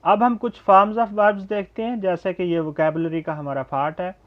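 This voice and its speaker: A man teaching a spoken English lesson, repeating model sentences slowly and then explaining them quickly in Hindi-Urdu mixed with English. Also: high-pitched, fairly even intonation. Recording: dull lo-fi recording.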